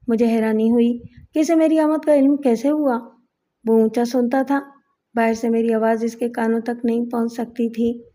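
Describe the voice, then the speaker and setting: A woman reads a crime thriller novel aloud in a measured, literary storytelling style. Her voice sits somewhat high and sounds mellow and soft. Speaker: audiobook narrator. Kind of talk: scripted audiobook narration.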